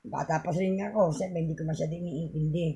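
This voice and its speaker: A woman's voice: deep voice, fairly even intonation, fast talker, dark tone. A middle-aged woman with a Filipino accent, giving a home tip in a casual, rambling vlog and laughing often. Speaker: vlogger.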